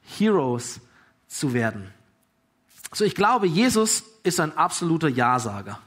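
Pastor, male, slightly high husky voice, earnest, encouraging sermon delivery. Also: unhurried. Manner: earnest, encouraging, retells scripture with lively quoted dialogue.

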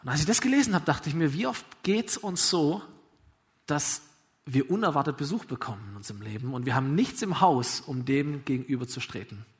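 A preacher giving a sermon live before a congregation, retelling a parable in a conversational storytelling way that asks the audience along. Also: male voice, on the high side, expressive, fairly quick.

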